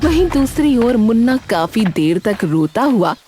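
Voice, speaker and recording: A woman narrating an animated story in a steady storytelling manner. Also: on the high side, a little slow.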